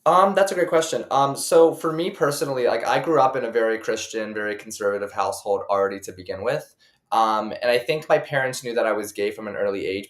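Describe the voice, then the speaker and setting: A chatty American content creator in his twenties from Ohio tells personal stories casually as a podcast guest, scattering "like" throughout. His voice is mid-range and a bit bright, heard in an echoey room.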